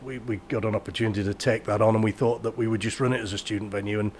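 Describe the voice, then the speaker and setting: A man's voice: on the low side, fairly even intonation, very fast, a little mellow, slight background noise. A middle-aged man, a venue owner, talking casually and telling anecdotes as an interview guest. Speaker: bar and club owner, guest.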